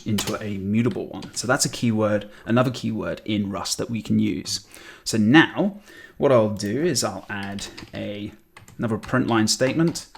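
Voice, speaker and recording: Low-voiced man explaining code as he types. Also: a little hiss or hum. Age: 30s. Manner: relaxed, thinks aloud while typing, frequent ums and self-corrections. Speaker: programming tutor. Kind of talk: screen-recorded coding tutorial.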